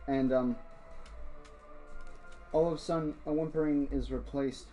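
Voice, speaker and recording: A man's voice: fairly high pitch, fairly even intonation, slow, dark tone, faint music behind. A man narrating as game master of a tabletop game, often laughing as he goes.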